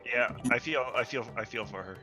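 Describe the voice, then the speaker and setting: A man talks as a tabletop game player in halting, gentle phrases. His pitch is average, with clear music behind the casual chat.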